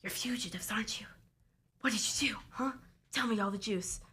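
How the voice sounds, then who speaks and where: A woman's voice: very high-pitched, very animated, unhurried, a bit bright, pitched above the performer's own voice, exaggerated voice. A woman voicing a kindly but secretly defiant old woman who runs a ramen shop, speaking in a sweet, doting coo that drops to a conspiratorial whisper.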